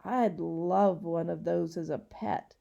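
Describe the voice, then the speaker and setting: A woman's voice: lowish voice, fairly even intonation, takes it slowly, creaky, mellow, dull audio, voice pushed down, exaggerated voice. A woman voicing an enthusiastic young boy in a children's story. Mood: eager. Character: bold, eager young boy.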